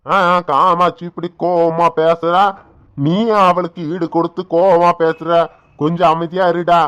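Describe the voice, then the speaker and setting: A man voicing an elderly father in a cartoon, trying to calm a family quarrel. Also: fairly high pitch, unhurried, clean tone, dry recording. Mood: placating. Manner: placating. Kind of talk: cartoon voice acting.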